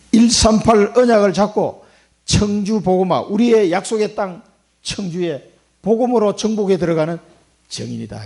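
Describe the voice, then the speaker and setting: A man's voice: high-pitched, darkish tone. A middle-aged man preaching a sermon in church as pastor, asking the congregation rhetorical questions. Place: church sanctuary.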